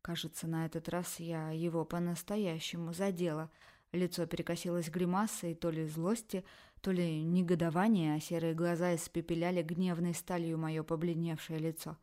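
Low-voiced woman narrating an erotic audiobook. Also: normal speed. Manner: expressive, emotional. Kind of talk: first-person erotic novel reading.

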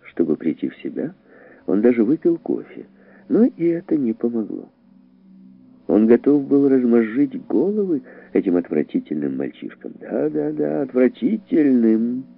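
A man reading an audiobook story aloud in a dramatic, expressive way, heightening his voice for the characters. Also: medium pitch, moderate pace, breathy edge, phone-quality sound. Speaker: audiobook narrator.

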